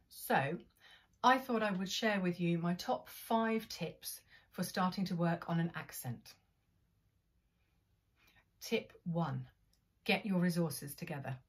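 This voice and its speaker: A woman with an English accent, a drama teacher giving accent tips from home, speaking in a clear, friendly teaching tone with brief demonstrations of accents. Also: lowish voice. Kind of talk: instructional talk to camera.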